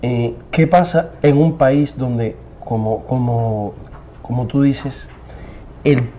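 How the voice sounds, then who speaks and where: Male commentator, unhurried and deliberate, mellow tone, slight hiss on the track. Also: medium pitch, steady tone. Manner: slow, deliberate, searching for words. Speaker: interview guest, political commentator. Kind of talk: political interview.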